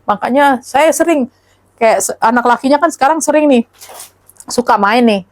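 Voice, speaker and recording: A woman's voice: sits high, normal speed. A middle-aged woman, an interview guest, telling her story casually and acting out the dialogue. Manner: animated, acts out quoted dialogue.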